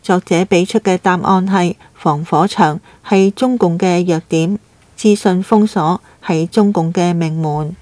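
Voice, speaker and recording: A woman narrating a scripted news commentary in a steady, even reading delivery. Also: on the low side, unhurried, dry recording.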